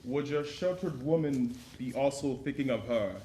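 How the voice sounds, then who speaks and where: An actor with a warm, natural, mid-range voice plays a passionate stage actor rehearsing a romantic lead, coaxing his scene partner and reciting period-drama verse at a moderate pace as his volume swells. The dramatized rehearsal is poorly recorded, with slight hiss or hum.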